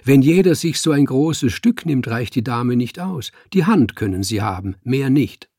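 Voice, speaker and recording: A man reading a story aloud, voicing a commanding male dissection master with a loud, theatrical manner. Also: medium pitch, lively intonation, normal speed, breathy edge, no room sound, clean studio sound, pitched above the performer's own voice.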